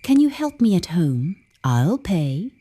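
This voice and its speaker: A woman voicing a quiet, regretful middle-aged man who speaks softly and hesitantly. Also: lowish voice, very animated, slow, full character voice. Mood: pleading.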